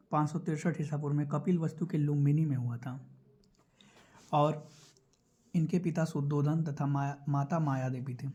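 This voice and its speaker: This man leads an exam prep session, explaining quiz questions one step at a time, stressing key points through repetition and checking in with listeners. His voice sits on the high side yet is dark and husky, and the recording's highs are cut off.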